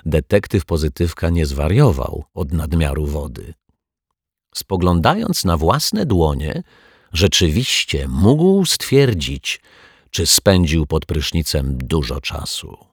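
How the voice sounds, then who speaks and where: Deep husky male storyteller. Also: very animated, takes it slowly, no echo, clean studio sound. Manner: playful storytelling, addresses the listener. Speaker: audiobook narrator. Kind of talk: children's audiobook narration.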